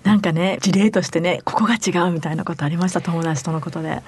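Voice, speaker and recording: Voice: medium pitch, quick pace, slight background noise. A radio host, chatty and curious as he asks follow-up questions. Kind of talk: radio interview.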